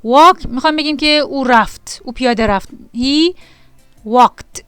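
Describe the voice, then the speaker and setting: A woman's voice: high voice, fairly bright tone, no echo, faint music behind. A woman teaching an English vocabulary lesson to beginners, reading definitions aloud and then explaining them patiently to her students. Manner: patient and repetitive, addressing students directly.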